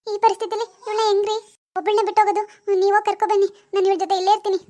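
A woman voicing an anxious middle-aged mother in an animated family drama, fretful, pleading and shrill. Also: rapid-fire.

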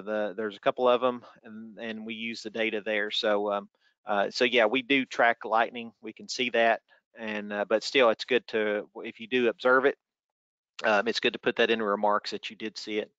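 A man's voice: medium pitch, sharp tone, clean tone, no room sound, dull audio. A man with a Tennessee accent answering questions informally as a trainer in an online session, conversational and folksy. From Tennessee, United States. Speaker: weather spotter trainer.

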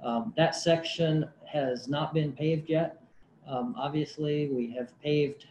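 A man's voice: a little high, steady tone, slow pace, darkish tone, dull audio. A man, a county conservation director, presenting a project at a public board meeting, hesitant with many fillers and restarts. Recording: roomy meeting-room audio, faint hum.

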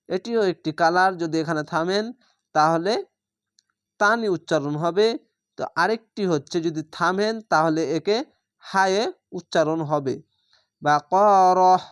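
A Quran reading teacher leads an online lesson at a steady, careful pace. Each letter and vowel mark is sounded out in turn before the rule behind it is explained. The voice is smooth and clear and sits close in a dry space. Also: mid-range voice, no room sound. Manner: spells out letters and vowel marks one by one, explains rules patiently; addresses viewers directly, checks understanding.

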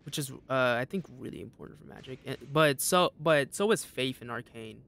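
Jittery young male gamer with gravelly voice. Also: fairly quick, a bit bright. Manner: jittery, laughing, mimics enemies in high voices. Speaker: streamer. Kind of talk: casual gameplay commentary.

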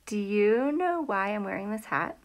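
At a moderate pace and in a mid-range voice, a middle-aged American teacher runs a casual read-aloud livestream for children from a small room in her home. She greets viewers by name and keeps asking questions, recorded on a phone or tablet at arm's length.

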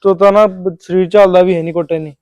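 A man's voice: high-pitched, steady tone, fast, darkish tone, no echo, muffled recording, close to an everyday voice. A man playing a weary young husband who grumbles defensively, with a Punjabi accent. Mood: grumbling. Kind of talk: short-film drama acting.

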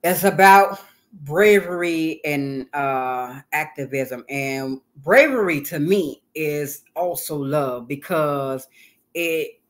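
A woman's voice: low voice, slow. Earnest, rambling woman guest. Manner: rambling and earnest, repeats phrases for emphasis. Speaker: guest, hip hop artist and author. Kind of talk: casual interview talk.

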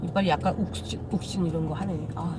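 A woman's voice: lowish voice, fairly even intonation, fast, heavy background noise. A woman shaman hosting a casual live stream, chatting with viewers, greeting them and swearing casually. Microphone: phone.

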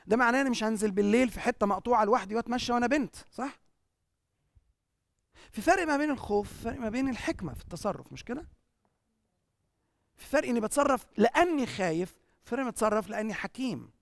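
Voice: mid-range voice, gravelly, no echo. A church teacher with an Egyptian accent, answering questions in a preaching style and asking rhetorical questions that the speaker answers at once. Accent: Egyptian Arabic.

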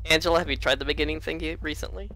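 A woman's voice: sits low, steady tone, very fast, a crowd in the background. A woman chatting casually while playing a game with friends on a live stream. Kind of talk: casual gaming chat.

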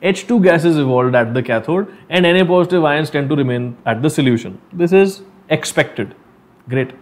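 A man's voice: a little high, expressive, moderate pace. A young man with a North Indian accent teaching a live revision lesson as an online teacher, informal and explaining step by step, often asking questions and mixing languages. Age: young adult. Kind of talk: live exam revision lesson, switching between English and Hindi. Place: small furnished room at home, indoors.

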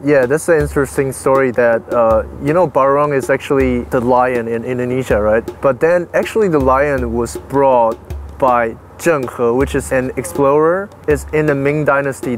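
A man from Taiwan speaks at an ordinary middle pitch, explaining things in a relaxed way for a documentary. Faint city noise hums behind him. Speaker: interviewee. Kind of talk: documentary interview.

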